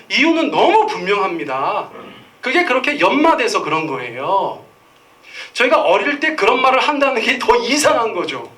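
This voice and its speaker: A middle-aged pastor delivers a Sunday sermon in a church sanctuary, his high, sharp voice picked up from far off the mic. He tells stories and acts out the voices of the people in them.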